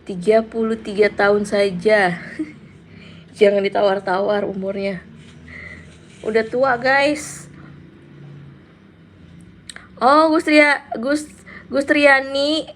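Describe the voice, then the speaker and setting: A woman's voice: fairly high pitch, slow, long pauses, a little hiss or hum. A woman in her thirties hosting a casual live stream, chatting with viewers and reading out their names and comments. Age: 30s. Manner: chatty, reads out viewer names and answers them.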